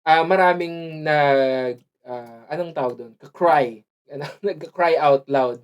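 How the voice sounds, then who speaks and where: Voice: medium pitch, takes it slowly, clear, resonant tone, highs cut off. A podcast co-host in casual chat who laughs often, mixes English phrases into the talk and often stops to search for a word.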